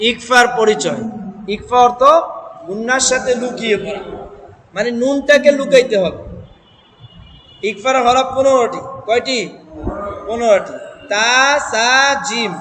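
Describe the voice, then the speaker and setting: High-voiced man drilling Quran syllables slowly. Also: a bit bright, a little hiss or hum, poor audio. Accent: Bangladeshi Bengali. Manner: drills syllables aloud, repeating and asking the class. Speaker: Quran reading teacher. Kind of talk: step-by-step reading lesson.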